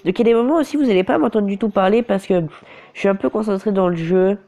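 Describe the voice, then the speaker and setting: Recorded on a phone screen recorder, a man with a cold and sore throat gives casual commentary on a mobile game. His high, mellow voice moves quickly, and he often stumbles and corrects himself.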